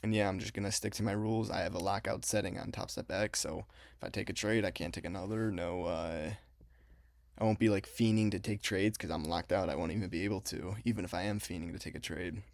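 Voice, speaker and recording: A man's voice: deep voice, steady tone, quick pace, vocal fry, dry recording, studio quality. A young man talking casually in an explanatory vlog, his mouth numb after having a cavity filled. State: mouth numb from a dental filling. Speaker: trading vlogger.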